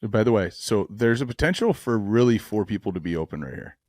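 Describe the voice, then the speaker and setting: A man's voice: fairly low pitch, lively intonation, brisk, a little mellow, no echo, clean studio sound. A man co-hosting a football podcast, talking through a play step by step like a coach. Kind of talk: film breakdown.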